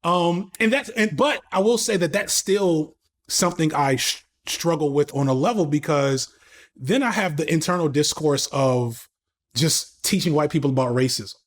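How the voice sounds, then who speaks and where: This man's voice sits a little high and moves at a normal speed. In his thirties, he chats candidly as a podcast guest, restarting often and dropping slang and swear words.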